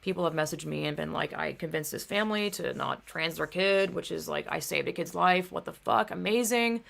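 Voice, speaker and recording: Young woman venting on her vlog, low gravelly voice, cusses a lot, says like and dude constantly. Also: fairly quick, fairly bright tone. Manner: heated, swears often, fills speech with "like" and "dude". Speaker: vlogger. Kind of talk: casual ranting monologue.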